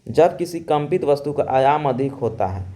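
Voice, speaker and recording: A man teaching a school lesson, loud and emphatic, repeating each point and explaining it in plain words. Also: a little high, expressive, normal speed, slight background noise. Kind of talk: classroom lesson.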